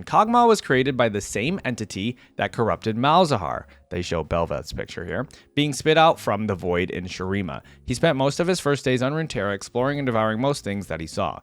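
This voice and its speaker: A young man with a medium-pitched voice hosts a casual reaction video, reading a wiki aloud and breaking off to react and chuckle. He sounds chatty and musing, and the audio has no echo.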